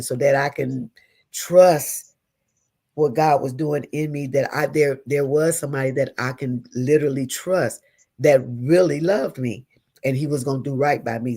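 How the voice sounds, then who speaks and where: A woman's voice: very deep voice, gravelly, slightly rough. A middle-aged woman, a pastor's wife and interview guest, telling a personal story earnestly and with feeling. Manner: earnest, animated, leans on endearments like "honey" and "girl".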